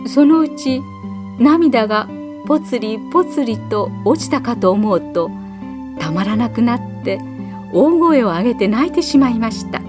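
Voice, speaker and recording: Woman gently reading a children's story. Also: fairly high pitch, animated, music in the background. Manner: gentle, measured read-aloud delivery. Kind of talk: storybook narration.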